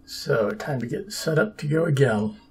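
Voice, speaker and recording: A man's voice: medium pitch, normal speed, darkish tone, breathy edge. A man narrating his own papercraft build in a casual, dry, sarcastic and self-deprecating way. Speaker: papercraft hobbyist.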